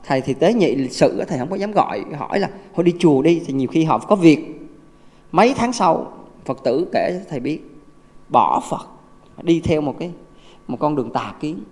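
Joking monk preaching in a reverberant hall. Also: male voice, on the high side, normal speed. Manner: lively, joking, asks the audience questions. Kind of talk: humorous dharma talk. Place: large temple hall.

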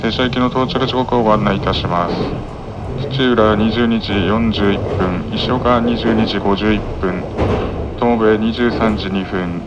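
Muffled, low-voiced clipped train conductor. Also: male voice, steady tone, measured pace. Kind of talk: live onboard train announcement. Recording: muffled train PA, clear vehicle noise. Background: moving train noise.

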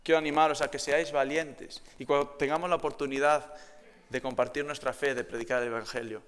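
A man's voice: a little high, level tone, a little fast, a bit bright, smooth. A young man with a Galician accent preaching a sermon in a church. He tells personal anecdotes and then presses the congregation with rhetorical questions. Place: church hall. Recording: long hall reverb.

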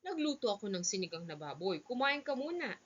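A woman voicing a kind, caring mother in a read-aloud story for children, speaking gently, in a dull lo-fi recording. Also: fairly high pitch, big pitch swings, quick pace, breathy edge. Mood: gentle. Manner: gentle, affectionate. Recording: dull lo-fi sound.

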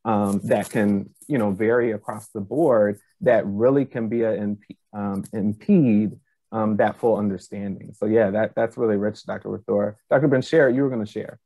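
A man with a fairly low voice moderates a panel over a webcam. The sound is dry and close. He speaks in a measured, thoughtful way and slows down to stress his points. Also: fairly even intonation, warm tone, no echo. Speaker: panel moderator and ethics faculty. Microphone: laptop webcam on video call.

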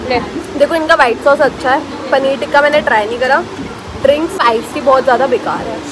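A woman's voice: high voice, quick pace, over music. A young woman in her twenties chatting and joking with her cousins in a cafe, filmed on a phone held at arm's length. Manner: chatty, joking, frequently laughing. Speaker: vlogger. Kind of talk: casual vlog chat with cousins. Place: busy cafe, indoors. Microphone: phone camera at arm's length. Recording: loud cafe background noise.

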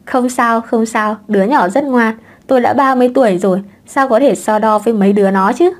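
A woman's voice: a little high, brisk, close to an everyday voice. A woman voicing a vain, irritable thirty-year-old man in an audiobook. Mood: forced calm.

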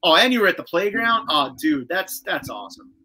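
On what sounds like a video call from an indoor room lined with shelves of collectibles, a male host chats casually while rewatching and recapping a cartoon episode. His voice is bright, forceful, and pitched a bit high, and he talks a little fast. He retells scenes in an animated, slangy way, swearing now and then.

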